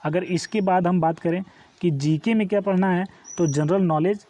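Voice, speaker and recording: With a high-pitched, mellow voice and a moderate pace, an exam coaching teacher leads a casual online lesson. He instructs step by step and keeps checking understanding with tag questions.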